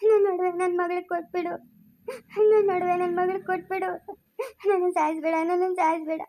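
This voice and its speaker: A woman voicing a wailing female ghost in a homemade comedy skit, moaning her lines in slow repetition. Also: extremely high pitch, level tone, warm tone.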